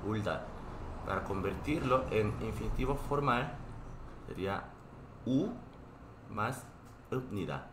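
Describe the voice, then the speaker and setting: A man's voice: lowish voice, animated, slow pace, long pauses, a bit bright, echoey room, a little hiss or hum. A man with a Korean accent teaching a live online Korean class, explaining patiently and checking in often with his students.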